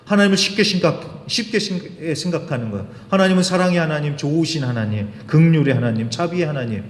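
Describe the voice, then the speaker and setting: Animated male pastor in an echoey hall. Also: on the high side, quick pace. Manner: conversational, asks the congregation questions, acts out quotes. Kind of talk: sermon. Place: church sanctuary. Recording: roomy church hall with long reverb.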